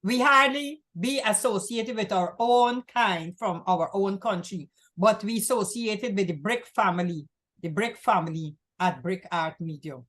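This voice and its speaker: A woman's voice: medium pitch, measured pace, a bit bright. A woman from Guyana hosting a community access talk show, talking in long rambling runs and often repeating herself. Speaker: host.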